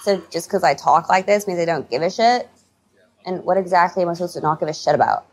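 A woman's voice: lowish voice, a little fast, slight background noise, close to an everyday voice. An actress playing a young female barista with an affected, bored drawl in a comedy sketch.

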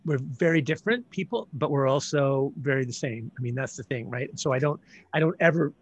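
A man's voice: mid-range voice, fairly quick, husky, no echo, dull audio. A man who is the author guest in an interview, speaking thoughtfully and repeating words as he searches for them. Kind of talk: conversational interview.

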